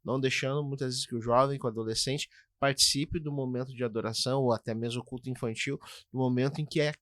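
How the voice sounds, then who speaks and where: A man co-hosting a pastoral podcast, explaining points in a measured way with frequent tag questions. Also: mid-range voice, steady tone, a bit bright, no room sound, studio quality. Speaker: podcast co-host. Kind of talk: casual pastoral podcast talk.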